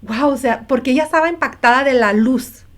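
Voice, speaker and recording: A woman's voice: sits high, brisk. A woman, a mother telling her story earnestly in a conversation and acting out the quoted lines. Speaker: guest, mother sharing testimony. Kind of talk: conversational testimony.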